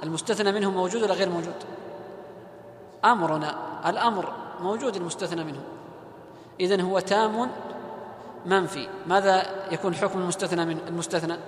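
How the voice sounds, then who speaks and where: A man teaching Arabic grammar to a class, quizzing his students and answering himself, reciting verses slowly and loudly. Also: sits high. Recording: echoey hall.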